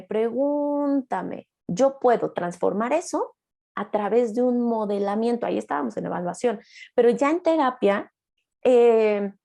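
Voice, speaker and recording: A woman's voice: a little high, warm tone. A young adult woman therapist giving an online master class, explaining patiently and acting out short lines of children and parents.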